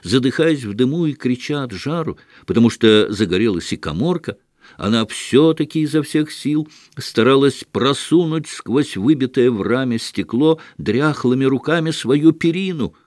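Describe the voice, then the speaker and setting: Male audiobook narrator, mid-range voice, measured literary delivery, dry studio read. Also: medium pitch, expressive, darkish tone, dry recording. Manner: measured reading with acted outbursts. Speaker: audiobook reader.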